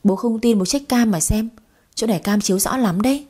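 A woman voicing a bold, cheeky little girl who talks back quickly. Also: on the high side, darkish tone, slightly rough, voice pushed up. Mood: feisty.

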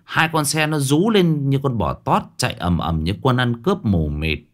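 A man narrating a ghost story in a lively, colloquial way. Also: medium pitch, moderate pace.

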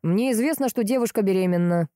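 A woman voicing a grumpy, irritable middle-aged male police colonel who talks dryly and gruffly, in an audiobook. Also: mid-range voice, quick pace, dark tone, no echo, voice pushed up, natural voice. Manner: dry, gruff and snappish.

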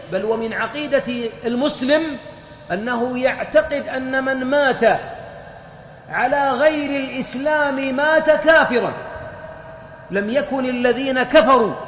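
Male religious teacher, very high voice, explanatory lecture, recorded muffled in a long-echo hall. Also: a little hiss or hum. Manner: explanatory, with lively everyday examples.

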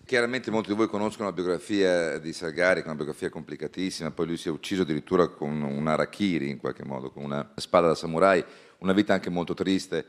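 Deep, smooth-voiced radio host. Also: male voice. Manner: measured, reflective questioning. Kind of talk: radio interview.

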